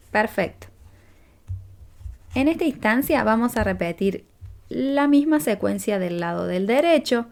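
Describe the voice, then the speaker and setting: A woman's voice: on the high side, gravelly. A woman, patiently teaching a crochet tutorial step by step and checking in with listeners as she counts rows aloud. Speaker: crochet instructor.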